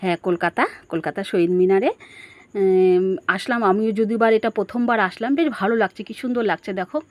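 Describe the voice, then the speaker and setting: A woman's voice: medium pitch, brisk, no echo. A woman narrating a casual family vlog, chatting straight to her viewers and asking them questions. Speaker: family vlogger.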